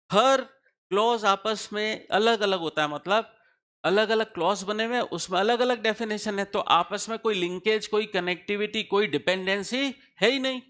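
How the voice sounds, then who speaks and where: Male lecturer, measured delivery, higher than usual pitch, patient explainer who checks in with students. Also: fairly bright tone. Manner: explains step by step, often asks the class questions and checks understanding. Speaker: tax law lecturer. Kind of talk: classroom lecture.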